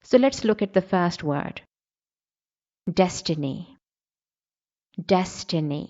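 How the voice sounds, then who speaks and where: A woman teaching English pronunciation in a deliberate lesson style, repeating words to model the sounds and mixing in English phrases. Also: on the low side, a little mellow, muffled recording. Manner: switches between Hindi-Urdu and English phrases. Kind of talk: slow instructional lesson.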